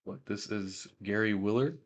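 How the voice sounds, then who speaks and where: A young man hosting a casual hobby vlog, reading veterans' letters aloud and talking with many fillers and pauses. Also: on the low side. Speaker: autograph collector vlogger.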